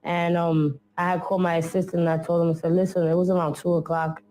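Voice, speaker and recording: A woman recalling her late husband in a documentary interview, speaking softly and reflectively with frequent "you know what I'm saying". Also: on the low side, little pitch movement, quick pace, soft background music, rough recording. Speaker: interviewee, late rapper's wife.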